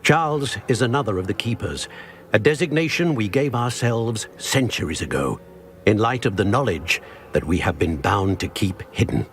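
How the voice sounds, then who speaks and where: A stately old wizard professor from a fantasy game. His voice sits low and moves expressively through solemn, formal phrases, with faint noise behind it. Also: lively intonation, normal speed, a bit bright. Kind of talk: cinematic video game acting.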